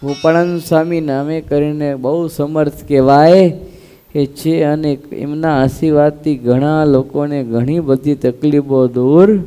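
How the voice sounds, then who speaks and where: A man's voice: on the high side, steady tone, measured pace, dark tone, clear, resonant tone, soft background music. A man, a swami, giving a devotional sermon, telling a story with rhetorical questions and acting out the dialogue. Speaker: swami giving a scripture discourse.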